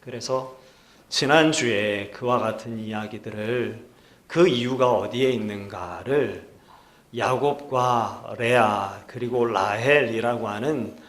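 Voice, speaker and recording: A male pastor preaching a sermon in a measured, earnest way, putting rhetorical questions to the congregation. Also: medium pitch, a bit bright. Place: church sanctuary. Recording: echoey church hall.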